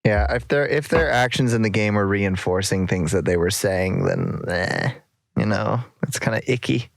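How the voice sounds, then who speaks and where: A man co-hosting a casual gaming podcast, excitable and laughing often, now and then jumping up to loud high squeals. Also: moderate pace, vocal fry. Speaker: podcast co-host.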